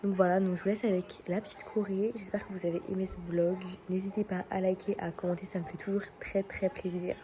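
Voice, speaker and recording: A woman's voice: mid-range voice, little pitch movement, fast talker, few pauses, warm tone. A young woman talking casually to her viewers as a vlogger. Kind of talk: casual vlog talk to viewers. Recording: background chatter and noise.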